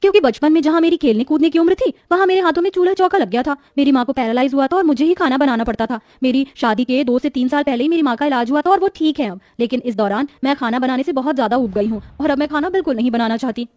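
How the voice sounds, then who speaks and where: A woman's voice: high-pitched, fast, hardly any pauses, a little mellow, lightly acted. A woman voicing a stubborn, spoiled young bride in a cartoon story who talks in a petulant way. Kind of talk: Hindi cartoon voice acting.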